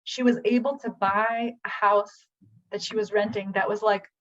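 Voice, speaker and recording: A woman's voice: mid-range voice, moderate pace. Chatty woman healer, dull recording. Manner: chatty, animated retelling with many fillers. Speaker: acupuncturist and healer. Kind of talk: personal testimonial.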